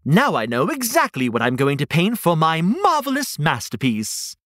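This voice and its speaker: A man voicing an excitable, theatrical hedgehog art student with grand, emphatic delivery for a children's storytime podcast. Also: on the high side, normal speed, dry recording, studio quality. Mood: proudly excited. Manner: dramatic, grandly emphatic, stretching key words.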